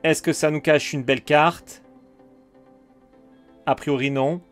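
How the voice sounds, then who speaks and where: A man casually commenting as he opens card boosters one by one, excitable and chatty. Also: fairly high pitch, slow pace, faint music behind. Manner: excitable, hyped, roll-calling card names. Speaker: card opening host.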